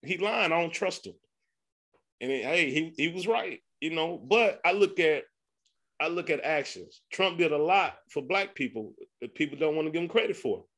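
Bright-voiced male podcast host. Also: a little high, lively intonation, normal speed. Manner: loose, laughing, repeats 'man'. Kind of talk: casual conversation.

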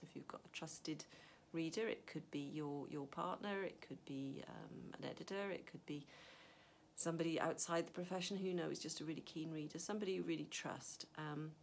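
Speaking from a home study with a map on the wall, a middle-aged novelist offers casual advice to camera, thinking aloud in a chatty way with restarts and fillers. Her low voice has vocal fry and fairly even intonation, moves fairly quickly, and carries slight background noise.

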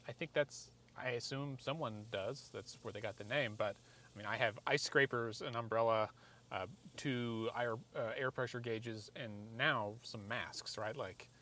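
An American man in his forties, medium-pitched and fairly bright, narrates a hands-on product installation in a relaxed, rambling, self-deprecating way for a how-to vlog. Filmed in a driveway and inside a parked car, the noisy camera audio comes from a camera or phone mic at arm's length to a few feet, with clear ambient noise.

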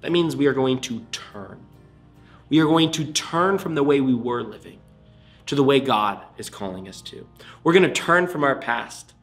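This young man's medium-pitched, fairly bright voice is animated and moves at a normal speed, with faint music behind it. Preaching as a pastor into a camera in a small room before a screen, he delivers a livestream sermon and altar call, earnest and fervent though slightly congested.

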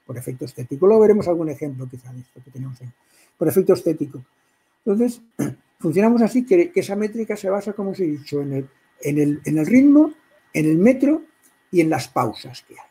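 Middle-aged Catalan-accented man, halting workshop lecturer, husky voice, fairly high pitch. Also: expressive, mellow, low-quality recording. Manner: halting, many restarts and throat clearing. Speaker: workshop speaker on poetry. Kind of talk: informal lecture to a writers' group.

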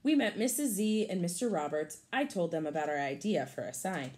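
Here a thirtysomething woman with a fairly low, darkish voice reads a picture book aloud to little kids, animated and a little fast, teacher-style, with offhand explanatory asides. It was recorded at home in a small room, and background noise is clearly audible.

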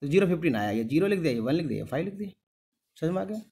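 A middle-aged man teaches maths in a patient, repeating way, checking often that his students follow. His voice sits a little high and swings widely in pitch, rising and falling from phrase to phrase. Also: big pitch swings, rapid-fire, mellow. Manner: calls the students "beta", keeps asking "clear?"; patient, repeats each step. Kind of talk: classroom lesson.

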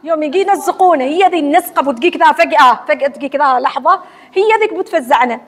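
A woman with an Omani accent giving a religious lecture to women in a mosque hall, asking and answering her own questions in a lively teacherly way. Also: high voice, very fast. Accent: Omani Arabic. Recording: long hall reverb.

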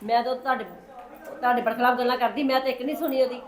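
A woman with a Punjabi accent playing a sly neighbour in a short film, talking quickly and repeating her denials. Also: a little high, fairly even intonation, lightly acted. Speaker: neighbour Sukhwinder.

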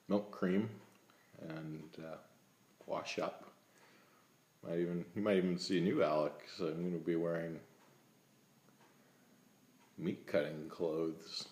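A man in his thirties plays a naive, milk-loving vegetarian in a comedic webcam monologue, rambling earnestly and awkwardly while seated at a table indoors. His low, darkish voice stays fairly even, moving slowly with long pauses. A laptop webcam picks him up at close range, and the room sounds echoey.

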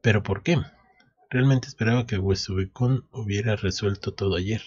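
Husky-voiced man recapping manga. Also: fairly low pitch, moderate pace, muffled recording. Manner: reads dialogue aloud with frequent restarts. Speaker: anime recap host. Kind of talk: casual manga chapter recap. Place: at home.

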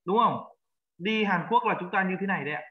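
Male language teacher, slightly high voice. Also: highs cut off. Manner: patient, repeats words slowly for learners. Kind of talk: language lesson.

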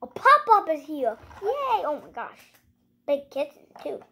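Very animated, with a pushed and bright high voice, a child reads a picture book slowly and haltingly in the living room at home. The child plays young host with exclamations and little asides to viewers, and there's slight background noise.

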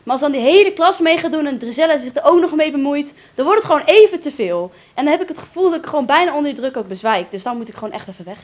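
A woman's voice: sits high, lively intonation, rapid-fire, few pauses. A young woman playing a prickly, hurt teenage schoolgirl. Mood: weary. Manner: snappy, defensive. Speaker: student. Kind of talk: classroom sketch acting.

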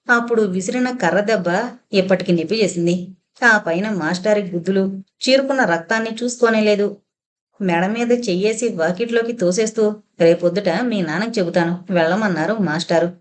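Woman narrating an audio novel. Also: mid-range voice. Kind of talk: scripted first-person story narration.

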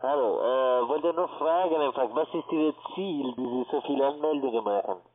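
Over a tinny, narrow phone line, a male call-centre agent speaking German as a non-native language makes an argumentative sales call. He is curt and insistent, speaking in halting phrases with a mid-range voice.

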